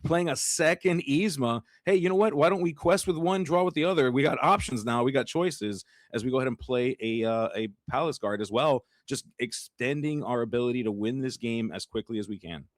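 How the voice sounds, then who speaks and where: Excitable man casting a card game. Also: mid-range voice, fairly quick, few pauses, no echo. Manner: excitable, chatty, laughs often. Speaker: caster. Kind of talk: live card game commentary.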